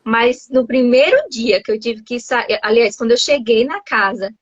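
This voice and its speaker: Woman from Brazil, chatty, frequent laughs, higher voice, dry muffled call audio. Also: normal speed, dry recording. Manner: chatty, laughs often, many restarts. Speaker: host, English teacher living abroad. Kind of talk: casual video-call chat.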